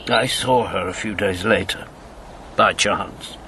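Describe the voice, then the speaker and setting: In a radio drama, an actor plays a man in his seventies, a former wartime secret agent now embittered and grieving, who reminisces slowly and weightily with bitter outbursts. The voice sits on the low side, pushed and bright, over slight background noise, and the mood is haunted and sombre.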